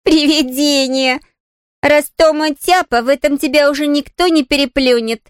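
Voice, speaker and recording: A woman's voice: sits high, expressive, fairly quick, no room sound, clean studio sound, pitched above the performer's own voice. A woman voicing a teasing older sister who sneers and scolds, in a storybook reading. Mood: mocking.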